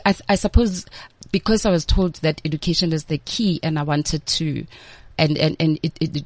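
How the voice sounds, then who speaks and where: A woman's voice: deep voice, gravelly, dry recording. A South African woman giving chatty, informal interview answers, occasionally mixing in local-language words. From Limpopo, South Africa. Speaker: interview guest, entertainment entrepreneur and MC.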